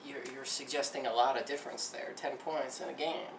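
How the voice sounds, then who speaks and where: A man's voice: medium pitch, steady tone, fairly quick, gravelly. A young man co-hosting a mock sports talk show, talking in a pompous news anchor manner. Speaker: co-host. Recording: echoey room, mic at a distance, faint hiss.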